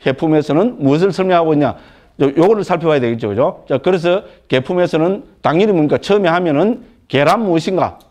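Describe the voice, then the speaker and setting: An older man giving a Buddhist lecture as a monk, animated, asking rhetorical questions and checking in with his listeners. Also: fairly high pitch, quick pace. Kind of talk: dharma lecture.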